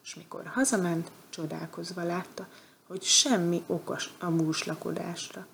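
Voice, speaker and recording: A woman reading a rhymed children's tale aloud, soft and dropping to a whisper in places. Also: on the low side, flat delivery, creaky, a little hiss or hum. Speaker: storyteller.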